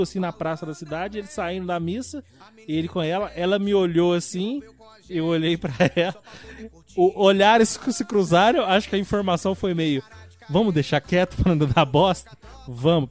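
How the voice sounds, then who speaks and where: A man co-hosting a casual podcast, telling a story in an animated way and acting out the dialogue. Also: sits high.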